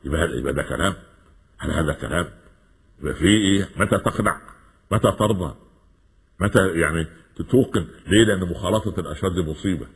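A male preacher with an Egyptian accent delivers a sermon at a rapid clip. His voice sits low and has a husky grain, and he drives his points home with quick rhetorical questions. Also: in a large hall. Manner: lively, rhetorical questions, mixes classical and colloquial Arabic.

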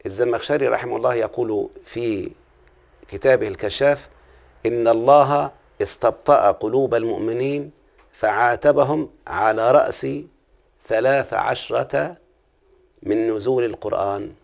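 Gravelly Egyptian man teaching grammar. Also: mid-range voice, normal speed, long pauses, a little mellow. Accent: Egyptian Arabic. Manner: asks the listener frequent check-in questions. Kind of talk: classical Arabic grammar lesson.

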